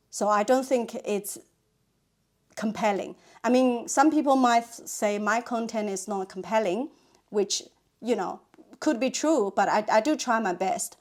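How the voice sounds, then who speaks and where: A Chinese woman whose first language is Chinese muses thoughtfully in a mid-range voice, dropping plenty of "you know" and "uh" fillers. She's a guest on a casual interview, where she works as a language content creator.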